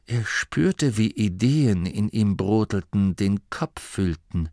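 A man reading an audiobook as narrator in a lively storytelling manner on a close studio mic. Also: on the low side, slow, no echo. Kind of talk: scripted narration.

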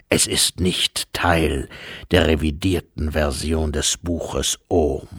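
Deep grave Death figure, played by a man, slow, solemn, measured, fantasy audiobook. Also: vocal fry, husky, dry recording, studio quality, exaggerated voice. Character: Death, solemn, grave, unhurried male personification.

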